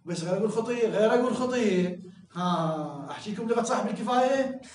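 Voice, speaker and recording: Iraqi male teacher, high voice, explains patiently and checks for understanding, recorded from a distance. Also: lively intonation, quick pace, a little mellow, reverberant, slight background noise. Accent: Iraqi Arabic. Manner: explains step by step, keeps checking "clear?" and jokes with students. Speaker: seminary teacher. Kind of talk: classroom lecture.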